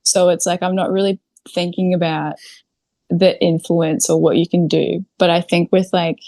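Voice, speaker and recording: A New Zealand woman, a video creator appearing as a podcast guest, chats informally in an interview and sprinkles in plenty of "like" and "literally." Her voice is fairly low and dark, level in tone, at a moderate pace, with no room sound.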